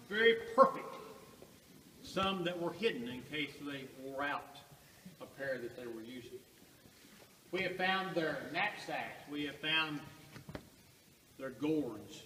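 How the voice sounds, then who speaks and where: A man leads a cave tour in a bright, slightly raised voice, taking his time and asking the group questions. The cave echo rings out with a long tail. He is picked up from well across the space, with a faint hiss underneath. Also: a little high. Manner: unhurried, with rhetorical questions and pauses. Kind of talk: guided tour talk. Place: inside a large cave. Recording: echoey cave from far off, faint noise.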